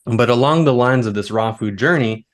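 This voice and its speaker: A man in his thirties, a guest on an interview podcast, telling long stories in a relaxed, easygoing way. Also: medium pitch, moderate pace. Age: 30s. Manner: relaxed, storytelling, now and then laughing. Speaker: guest, foraging expert. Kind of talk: conversational interview.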